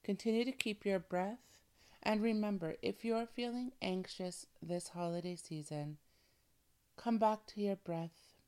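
A woman hosting guided breathing in a soothing, intimate coaching manner, her soft voice often dropping toward a breathy near-whisper. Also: medium pitch, measured pace. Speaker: host of a wellness show. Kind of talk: guided breathing and relaxation talk.

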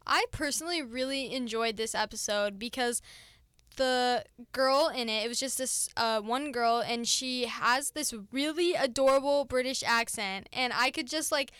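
Teen girl on a school radio podcast, kinda high and bright, talks in circles with lots of like and um. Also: normal speed, clean tone, no echo. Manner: rambling, filler-heavy, giggly. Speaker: student radio podcast co-host. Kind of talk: casual chat. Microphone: studio microphone.

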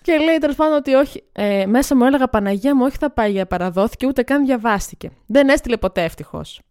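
A woman co-hosting a casual podcast chat who adds quick, wry interjections. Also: sits high, animated, darkish tone, clear, resonant tone. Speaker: podcast co-host.

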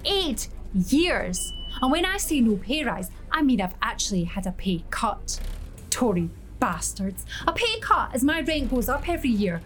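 A woman with a Scottish accent playing a fed-up, middle-aged nurse who swears freely and talks in a loud, carrying voice. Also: a little high, very animated, measured pace, soft background music. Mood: bitter ranting. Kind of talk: audio drama monologue.

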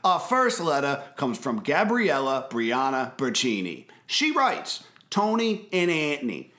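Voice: mid-range voice, huge pitch swings, measured pace, bright, forceful tone, full character voice. A performer playing a jovial, folksy male car-advice radio host, bantering chummily in a comedy radio sketch. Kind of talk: parody radio call-in banter.

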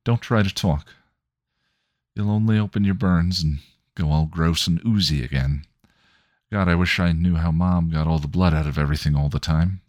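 A man voicing a young woman who is tearful and earnest, speaking softly and haltingly. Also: low-pitched, no room sound, studio quality, lightly acted.

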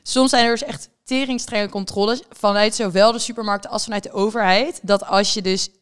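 A woman in her twenties chatting frankly as a podcast co-host, relaxed, with casual swearing. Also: medium pitch, brisk, clean tone. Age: 20s. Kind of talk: casual chat.

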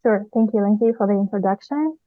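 Woman panelist from Ukraine, careful and deliberate; thin phone-line sound. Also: medium pitch, dry recording. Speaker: MBA student panelist. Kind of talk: podcast interview answers. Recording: phone-like remote recording.

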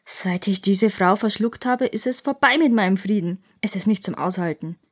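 A woman voicing a huge, grumpy male elephant who shouts and complains, in a storybook reading. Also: medium pitch, normal speed, natural voice. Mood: grumbling.

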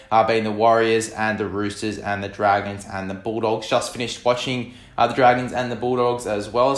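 A man's voice: fairly low pitch, roomy sound. A man hosting a casual sports review podcast, recorded over a mobile phone voice memo set on a desk, chatty with lots of ums and uhs. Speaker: podcast host. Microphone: mobile phone lying on a desk.

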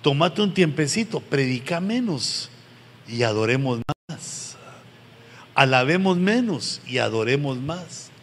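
A middle-aged man preaching to pastors, earnest and pleading, with sudden loud emphatic rises. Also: medium pitch, very animated, takes it slowly. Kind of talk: sermon to pastors. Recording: long hall reverb, faint background noise.

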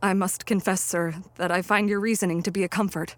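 A woman's voice: mid-range voice, fairly even intonation, a little fast, no echo, lightly acted. A woman playing Victor, an ambitious, obsessive young male scientist in a radio play, with formal, theatrical, impassioned diction. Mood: earnest, formal. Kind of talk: dramatic radio play narration and acting.

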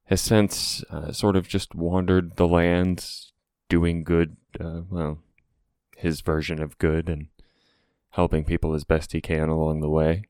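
A man, a tabletop game player, casually introducing his character and himself in a halting, meandering way. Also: very deep voice, a little mellow, smooth, no room sound, studio quality.

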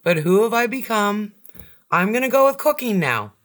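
A woman in her forties chatting on a podcast in a thoughtful, unhurried way. She laughs easily, and her voice sits at an ordinary middle pitch. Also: animated, a bit bright. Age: 40s. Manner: reflective, laughs often. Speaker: podcast guest. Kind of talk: casual chat.

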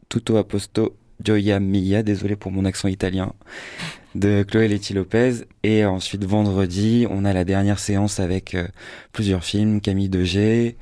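Low mellow guy, festival programmer on live radio, lots of euh and restarts, dry studio sound. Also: dry recording. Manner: hesitant, many fillers and restarts, relaxed. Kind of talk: casual radio interview.

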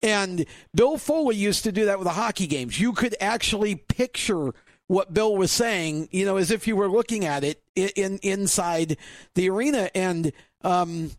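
A man hosting a casual racing talk show, an announcer who tells stories with animated enthusiasm and imitates other callers. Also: sits high, normal speed, dry recording. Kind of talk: casual podcast chat.

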